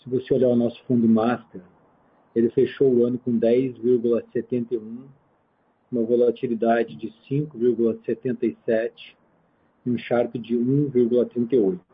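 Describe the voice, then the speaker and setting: Slightly husky Brazilian man on phone. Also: medium pitch, little pitch movement, normal speed. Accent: Brazilian Portuguese. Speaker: chief investment officer presenting results. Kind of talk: business presentation, semi-spontaneous. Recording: narrow, tinny phone line.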